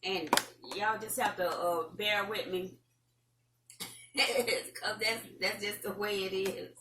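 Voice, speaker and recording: Speaking slowly in a steady, mid-range voice, this middle-aged Southern American woman hosts an online talk show and rambles through folksy advice in a casual, chatty way. The mic is distant, so the audio feels roomy and carries faint noise.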